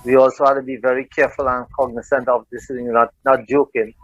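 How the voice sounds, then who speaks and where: A man's voice: medium pitch, level tone, fast, fairly bright tone, soft background music. Earnest Trinidadian man, slightly dull audio. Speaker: farmer, interview guest. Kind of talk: conversational interview.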